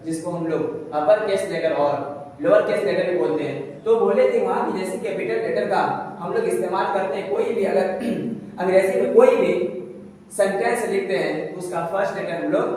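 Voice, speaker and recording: A man's voice: sits high, a little mellow, a little hiss or hum. A man teaching a basic English lesson, who keeps asking questions and answering them himself. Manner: repetitive, asks and answers his own questions. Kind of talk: classroom lesson explaining grammar. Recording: echoey room heard from a distance.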